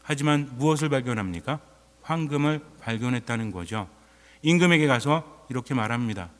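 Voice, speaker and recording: Priest preaching in a reverberant church. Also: male voice, mid-range voice, animated, a little fast. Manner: conversational preaching, quizzing the congregation. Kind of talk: sermon. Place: church before a congregation.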